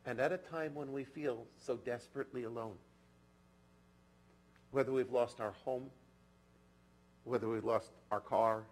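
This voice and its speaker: A man giving a sermon in a synagogue, telling a story slowly and earnestly, often dropping to a soft, intimate tone. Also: medium pitch, vocal fry, husky, rough recording. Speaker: clergy. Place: synagogue sanctuary.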